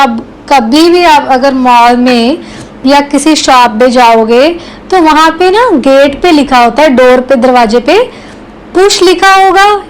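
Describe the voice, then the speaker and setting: Slow, high-voiced woman teaching English. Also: low-quality recording. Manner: slow, repeats example sentences word by word; asks the learner questions, then answers them herself. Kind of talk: spoken English lesson for learners.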